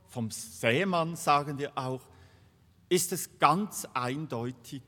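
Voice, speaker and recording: Man, pastor, sermon, slow deliberate delivery, emphatic repetition, reverberant church hall. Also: on the high side, fairly bright tone.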